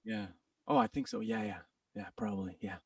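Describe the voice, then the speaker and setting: A man with a French-Canadian accent, a guest talking casually in an interview, halting with many restarts and quick laughs. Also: on the low side, flat delivery, a little mellow, husky, no echo, distant mic. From Quebec, Canada.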